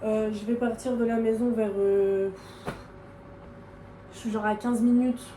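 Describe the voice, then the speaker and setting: A woman's voice: a little high, little pitch movement, a little slow, mellow, recorded from a distance. Chatty young woman, roomy and off-mic. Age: young adult. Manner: chatty, rambling, self-mocking, slangy. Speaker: vlogger. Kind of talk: casual vlog chat. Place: home, getting ready. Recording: echoey room, voice off-mic, faint background noise.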